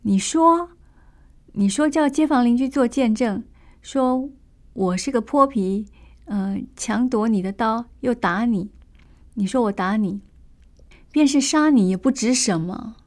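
A swaggering male street thug, jeering and goading, daring his victim to strike him, as a woman storyteller puts him on. The voice stays close to an ordinary mid-pitched speaking voice, taunting rather than roaring. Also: normal speed, a little mellow, natural voice. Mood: blustering. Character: brawny male street bully, taunting and menacing.

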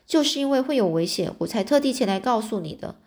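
A woman voicing an anxious, secretive young woman in a storybook, speaking in hushed, urgent warnings. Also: fairly high pitch, animated, fast talker. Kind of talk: storybook reading.

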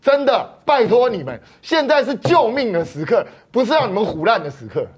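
A woman's voice: fairly high pitch, very animated, a little fast, a little mellow, husky. A woman with a Taiwanese Mandarin accent, a guest on a political talk show, speaking urgently and pleadingly. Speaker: guest doctor.

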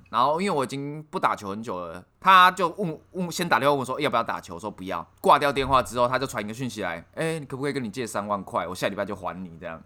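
A man, co-hosting a casual podcast chat and telling stories with lots of swearing and laughter. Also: medium pitch. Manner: animated storytelling with frequent swearing and laughter. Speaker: podcast co-host.

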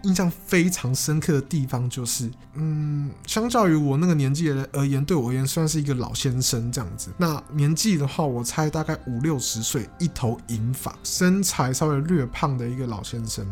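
A man's voice: mid-range voice, moderate pace, hardly any pauses, a little mellow, soft background music. A young man tells a personal story in an earnest, stammering way, often repeating words. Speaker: vlogger.

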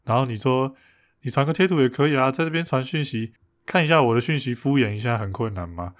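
He's a fast talker with a medium pitch, co-hosting a podcast. In easygoing conversation he narrates a quarrel, often laughing and repeatedly beginning his lines again.

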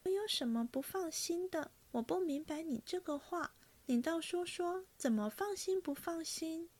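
A woman reading aloud and voicing a fragile, sharp-tongued young noblewoman in a soft, lilting, raised voice. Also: extremely high pitch, lively intonation, moderate pace, pitched above the performer's own voice. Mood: puzzled.

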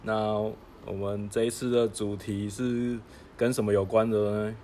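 A man's voice: lowish voice, level tone, moderate pace, darkish tone, slight background noise. A man with a Taiwanese accent co-hosting a casual chat, often stammering and repeating his words. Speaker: podcast co-host.

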